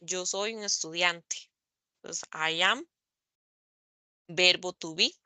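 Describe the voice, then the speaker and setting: Slow, bright-voiced woman teaching English. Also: fairly low pitch, no room sound. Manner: slow, careful, spells out letters and repeats examples. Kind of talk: online class explaining grammar. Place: online meeting recording.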